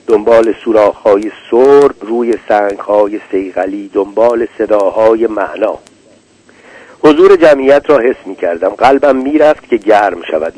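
Brooding low-voiced male narrator. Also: darkish tone, no echo, rough recording. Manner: measured, brooding first-person reading. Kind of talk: literary audiobook narration.

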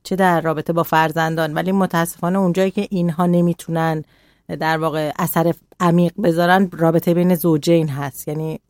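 A woman talking calmly as a radio guest, explaining parenting and boundaries in a measured way. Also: low-pitched, no room sound.

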